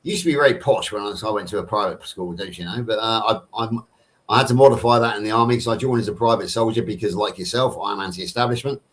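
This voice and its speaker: Speaking fast in a lowish voice, a middle-aged Somerset man with a nondescript Southern English accent sits on a livestream panel. He chats casually, answering viewers' questions in a wordy manner and often rephrasing himself.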